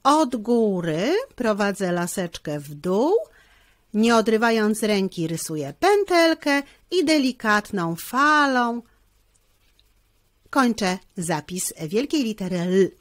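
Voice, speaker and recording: Woman teacher leading a children's handwriting lesson, lively pitch, patient step-by-step delivery with fillers, dry close sound. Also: no echo. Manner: slow, step-by-step instruction with frequent hesitation fillers.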